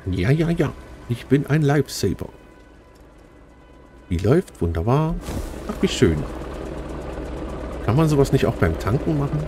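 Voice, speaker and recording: A man giving chatty, casual commentary while playing a game, talking straight to his viewers and getting easily excited. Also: medium pitch, unhurried, pauses often, over music. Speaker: let's play host.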